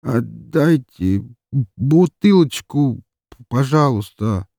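A man's voice: medium pitch, lively intonation, vocal fry, mellow, no echo, studio quality, voice pushed up, full character voice. A man doing a mumbling drunk young guy. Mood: drunkenly pleading. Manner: slurred, stammering, drawn-out mumbling.

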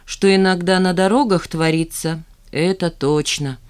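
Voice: medium pitch, fairly even intonation, unhurried, clean tone, natural voice. A reader voicing a stiff, easily offended bookish man in his thirties, an economist, in an audiobook. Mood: conciliatory. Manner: indignant, stiff.

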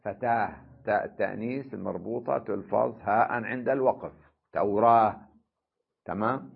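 A man's voice: on the low side, fast, vocal fry, breathy edge. A man teaching an Arabic grammar lesson, explaining step by step and checking with the class after each point. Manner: explains step by step, asks the class "tamam?" often. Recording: dull lo-fi lecture recording.

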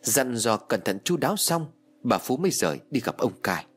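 Husky male storyteller. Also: sing-song, normal speed. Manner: acts out each character with shifting pitch. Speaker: audiobook narrator. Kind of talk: scripted story narration.

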